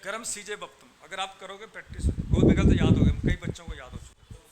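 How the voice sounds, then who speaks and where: A man's voice: high voice, quick pace. A man teaching a geography class, quizzing his students, repeating drills and calling them "beta". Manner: calls students "beta" and "bachche". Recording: loud background noise and clicks.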